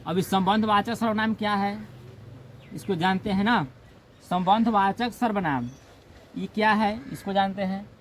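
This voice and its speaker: A man with a high, slightly bright voice teaches grammar in a classroom at a measured pace and steady tone, with slight background noise. He repeats his points, often checks in with "है ना", and acts out comic example dialogues.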